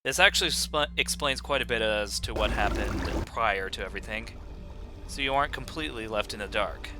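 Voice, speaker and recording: A man hosting a let's play, giving relaxed, offhand gameplay commentary. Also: lowish voice, fairly quick. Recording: voice over game music.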